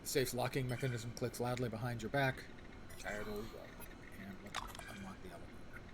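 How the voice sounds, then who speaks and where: A man's voice: mid-range voice, animated, brisk, noisy background. A man giving casual video game commentary, thinking aloud and reading on-screen text, with muttered asides. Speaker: gamer playing and commenting on an RPG.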